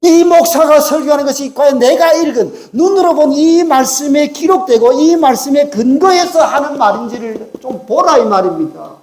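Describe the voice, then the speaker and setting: A man's voice: very high voice, expressive, moderate pace, hardly any pauses, darkish tone. A man in his sixties preaching a sermon as pastor, emphatic, repeating his key phrases and putting questions to the congregation.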